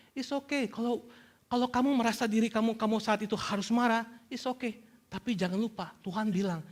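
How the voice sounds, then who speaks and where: Bright-voiced, animated preacher man. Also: high voice. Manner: animated, mixes in English phrases, acts out quoted speech. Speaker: pastor. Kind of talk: sermon. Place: church service.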